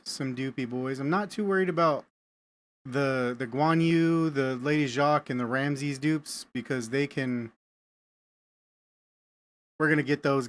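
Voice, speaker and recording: A man live-streaming a game, chatting casually with viewers and often repeating words as he thinks aloud. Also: mid-range voice. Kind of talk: casual live-stream chat while gaming.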